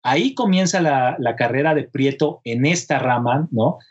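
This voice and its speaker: A man's voice: mid-range voice, lively intonation, normal speed, husky, highs cut off. A man telling a history story in casual conversation, acting out the dialogue, with frequent tag questions and fillers.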